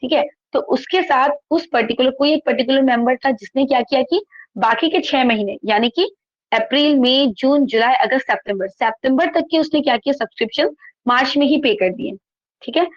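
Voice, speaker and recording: A woman's voice: high voice, fairly quick, dry recording, muffled recording. A woman teaching accountancy in an online class, reading from the textbook and explaining each point, asking and answering her own questions. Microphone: laptop microphone.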